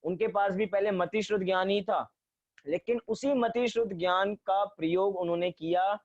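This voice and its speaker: A man's voice: high-pitched, fairly even intonation, normal speed, no room sound. A man teaching a religion class, explaining step by step and asking himself questions before answering them. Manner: asks and answers his own questions. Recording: dull dry recording.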